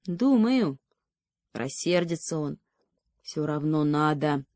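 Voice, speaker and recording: A woman's voice: low voice, lively intonation, takes it slowly, a little mellow, dry recording, clean studio sound. A woman voicing a young male beaver cub in a storybook, anxious and stubborn, talking in fretful exclamations. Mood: worried.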